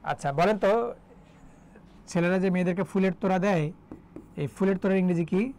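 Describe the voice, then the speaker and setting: A man's voice: high-pitched, fairly quick, a little mellow, rough recording. A young man from Bangladesh teaching English grammar in a live online class, chatty and joking as he quizzes students. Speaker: English tutor.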